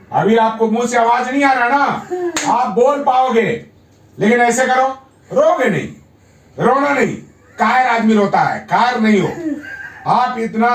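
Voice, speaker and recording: A man working as a yoga therapist, firmly coaxing a patient at home and repeating his encouragement. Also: extremely high pitch. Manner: firm, coaxing, repeats himself. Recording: echoey room, mic at a distance.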